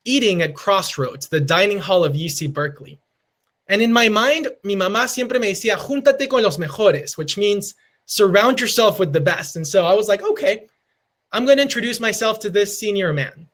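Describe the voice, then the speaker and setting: Speaking with a Peruvian Spanish accent, a young Peruvian man in his twenties delivers a lightning talk full of earnest motivation, dropping Spanish phrases into his storytelling. His voice sits high with a fairly bright tone.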